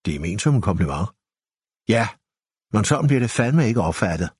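A man reading an audiobook, voicing a touchy young woman with indignant, sharp retorts. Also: fairly low pitch, sing-song, slightly rough, no room sound, clean studio sound, heavily acted. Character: young woman, touchy and quick to take offense. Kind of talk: audiobook character voice.

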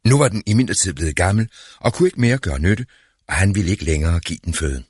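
Deep-voiced male fairy-tale reader. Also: animated, darkish tone, breathy edge, no room sound, clean studio sound. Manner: slow, deliberate storytelling. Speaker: narrator.

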